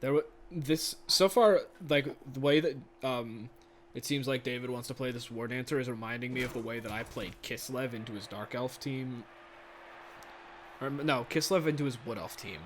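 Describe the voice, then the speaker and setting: A man doing casual, excitable play-by-play commentary of a video game from home. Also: medium pitch, normal speed, a little hiss or hum. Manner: chatty, excitable, laughs often. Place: home room.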